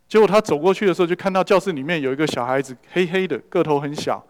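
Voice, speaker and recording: A pastor rattles through his sermon very fast in a fairly high voice, telling stories and sprinkling in English words. The church hall is large, leaving a long reverb on the recording.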